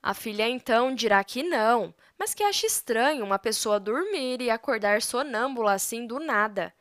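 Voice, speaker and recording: A woman's voice: a little high, moderate pace, no echo, studio quality. A woman with a Brazilian Portuguese accent narrating a soap opera plot summary. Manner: steady storytelling in future tense.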